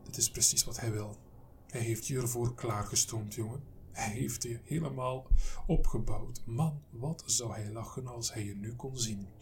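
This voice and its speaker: A man's voice: medium pitch, normal speed, slight background noise, lightly acted. A man reading a defiant journalist's inner voice. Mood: scornful. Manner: inner monologue, stubborn. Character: defiant male journalist talking himself up.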